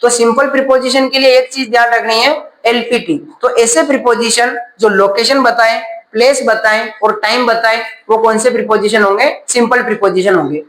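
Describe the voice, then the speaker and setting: A man's voice: very high-pitched, fairly even intonation, normal speed, hardly any pauses, fairly bright tone. Male teacher in an echoey room. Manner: asks questions and answers them himself. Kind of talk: classroom grammar lesson.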